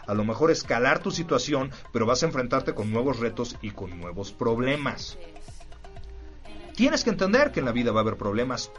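A man's voice: a little high, a bit bright. A man with a Mexican accent hosting a podcast, speaking directly to the listener in a motivational self-help talk and repeating his points for emphasis. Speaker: podcast host. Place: studio recording.

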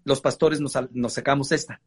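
A man who is a pastor, retelling a Bible story in a lively conversational way with joking asides. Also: medium pitch, brisk, breathy edge.

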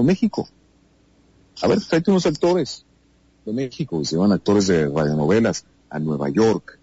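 A man's voice: sits low, husky, no echo, muffled recording. A man with a Mexican accent, a voice actor guesting on a podcast, telling stories and acting out the dialogue he quotes. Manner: animated storyteller who acts out quoted dialogue. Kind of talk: casual podcast interview.

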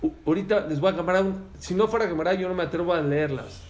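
A man's voice: high-pitched, quick pace, echoey room. A man teaching a religious lesson to a live audience, telling stories animatedly and questioning his listeners.

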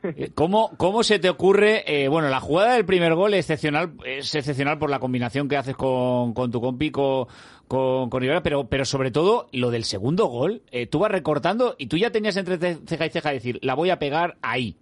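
A man's voice: a little high, a little fast, no room sound. A man with an accent from Spain presenting and interviewing conversationally on a sports radio show. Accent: Spanish from Spain.

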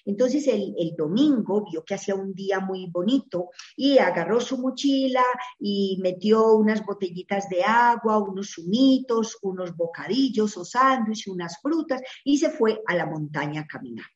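A woman's voice: mid-range voice, expressive, normal speed, darkish tone. A woman answering an interview question by telling a parable, giving the characters voices, then explaining her point. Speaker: guest speaker. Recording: echoey, dull lo-fi sound.

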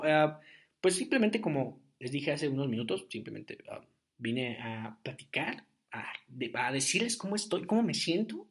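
A man's voice: fairly high pitch, fairly bright tone. Chatty young man podcasting. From Jalisco, Mexico. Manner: rambling, chatty, many fillers. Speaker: podcast host. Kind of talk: casual solo podcast monologue.

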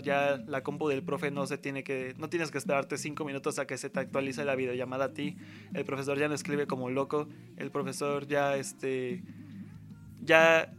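A medium-pitched, fairly bright male voice comes from a young university student with a Mexican accent. His conversation is casual, rambling, and full of slang. He acts out quoted speech while he talks.

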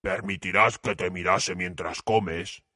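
A man reading a storybook aloud, voicing a gentle, sorrowful beast who speaks slowly and humbly. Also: low-pitched, fairly even intonation, no echo, clean studio sound, voice pushed down, full character voice. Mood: tender, pleading. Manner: slow, heavy, pleading.

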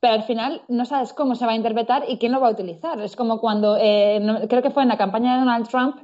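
A woman's voice: fairly high pitch, fairly even intonation, fast, a little mellow, highs cut off. A woman speaking as a guest in a casual discussion, opinionated and thinking aloud with restarts. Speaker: podcast guest.

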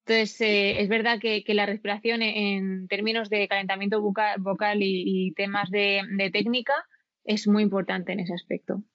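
A woman talks through her views with many fillers and restarts. Her voice sits at a middle pitch. The sound is dry and somewhat dull and lo-fi. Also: flat delivery, normal speed, dry recording. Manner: thoughtful, hesitant with many fillers. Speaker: interviewee, voice-acting student. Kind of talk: conversational interview.

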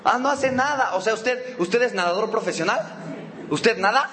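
A man's voice: high voice, normal speed, a crowd in the background. A man with a Mexican accent leading a motivational seminar, teasing the audience with rhetorical questions. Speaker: motivational speaker.

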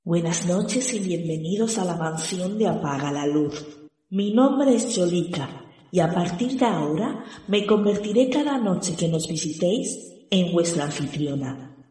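A woman's voice: lowish voice, expressive, a little slow, dark tone. A woman with a Spanish accent from Spain playing a mysterious, theatrical marquise who hosts a spooky show. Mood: eerie, inviting. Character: mysterious marquise hostess of a haunted mansion. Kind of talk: scripted spooky show introduction. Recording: echoey, distant from the mic.

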